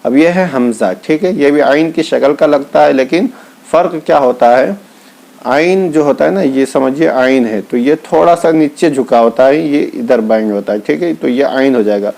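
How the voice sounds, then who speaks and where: A man teaching Quran letter reading. He calls out each Arabic letter slowly and then explains patiently, with speech. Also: medium pitch, creaky, darkish tone. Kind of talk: slow step-by-step lesson.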